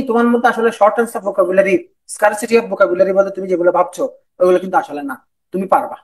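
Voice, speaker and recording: High-pitched and captured in a rough recording, this man coaches for the BCS viva exam interview in an online lecture. His Bangladeshi Bengali accent comes through as he repeats himself often and slips into English.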